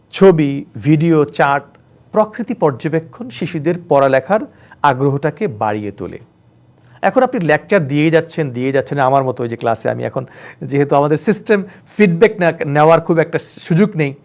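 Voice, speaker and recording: A man lecturing trainee teachers, animated, acting out examples in changing tones and mixing in English words. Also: on the high side. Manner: religious phrases and English words mixed in.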